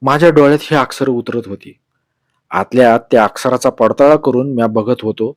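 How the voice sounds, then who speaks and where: A man telling a story aloud, with measured, expressive narration in a rural dialect. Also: medium pitch, no echo, clean studio sound.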